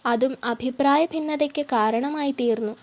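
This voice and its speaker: A woman narrating a novel as an audiobook reader, in steady scripted storytelling. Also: high voice, normal speed.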